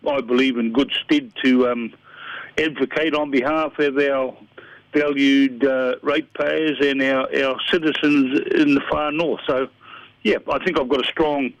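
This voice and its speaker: The dry, muffled phone recording captures an older New Zealand-accented man, a council candidate being interviewed. His medium-pitched voice is steady and measured, and he talks earnestly and plainly, sometimes searching for the right word.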